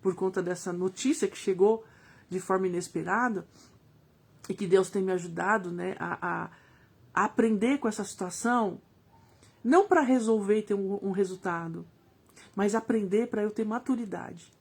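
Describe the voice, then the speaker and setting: A woman with a Brazilian Portuguese accent gives a live devotional reflection to viewers, speaking earnestly and pausing to search for words. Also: mid-range voice, slightly rough.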